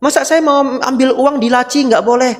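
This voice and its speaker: A man's voice: extremely high pitch, fairly even intonation, normal speed, long reverb tail, pitched above the performer's own voice. A man voicing an indignant old father and shop owner who complains in a whiny, aggrieved way.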